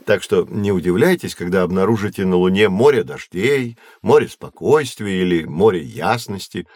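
In an educational audio drama, a man who knows his astronomy guides children through the subject as a teacher figure. His fairly low, slightly mellow voice is lively in intonation and recorded very dry. He explains with patient, measured, reassuring phrasing.

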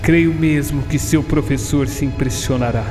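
A man's voice: fairly high pitch, fairly even intonation, normal speed, darkish tone, lightly acted. Captain Nemo, dignified, in long reverb man acting. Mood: proud. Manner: formal, courteous, dignified. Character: proud, courteous gentleman submarine captain of adventure fiction. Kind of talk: radio drama acting. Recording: long reverb, music behind.

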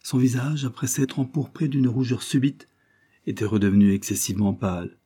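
A man narrating a novel as an audiobook reader, in an even, steady reading. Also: mid-range voice, fairly quick, slightly rough. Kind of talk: scripted narration.

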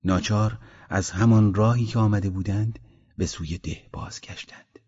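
A man from Mazandaran, Iran, calmly reading a short story aloud as an audiobook narrator. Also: on the low side, slightly rough. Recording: dull lo-fi audiobook recording.

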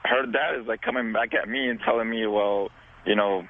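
Hesitant caller on phone. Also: male voice, lowish voice, fairly even intonation, a little fast, slight background noise. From Syria. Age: 20s. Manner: hesitant, full of fillers. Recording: tinny phone line.

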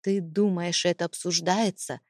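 An icy, domineering husband, as a woman narrator puts him on, speaking with slow contempt and quiet menace in a low register. The audiobook sound is dry and close, with no room around it. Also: steady tone, no echo, close to an everyday voice. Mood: cold menace. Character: cold, contemptuous, domineering husband, adult man. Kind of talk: audiobook character reading.

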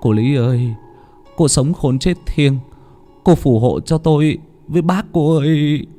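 A man's voice: a little high, unhurried, warm tone, faint music behind, voice pushed up, lightly acted. A man voicing a scared young man in a ghost story, imploring a spirit in a trembling voice.

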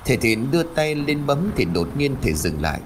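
A male audiobook narrator telling a ghost story with a very lively, moving pitch. He changes his voice and pace for each villager he quotes. Faint noise sits behind him. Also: fairly quick.

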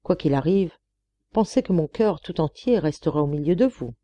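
Woman voicing an earnest young woman in a storybook, self-sacrificing, pleading, mellow warm tone, close dry sound. She speaks with quiet resolve. The voice stays soft and dark. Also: deep voice, expressive, moderate pace, dry recording. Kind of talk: audiobook character reading.

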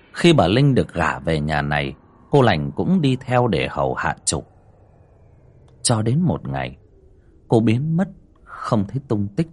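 A man's voice: lowish voice, breathy edge. A man narrating a horror story with dramatic storytelling. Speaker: audiobook narrator.

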